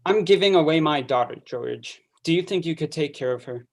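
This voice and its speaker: A young woman voicing a gentle father who reassures his daughter in a school play reading. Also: low-pitched, expressive, fairly quick. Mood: soothing. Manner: soothing, reassuring. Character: gentle middle-aged father calming daughter.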